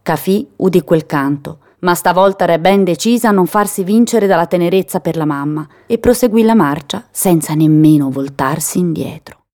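Woman calmly reading a storybook. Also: fairly low pitch. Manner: calm, measured storytelling. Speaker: narrator. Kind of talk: storybook narration.

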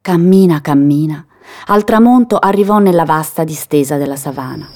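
Woman calmly reading a storybook. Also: sits low, background noise. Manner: calm, measured storytelling. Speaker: narrator. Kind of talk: storybook narration.

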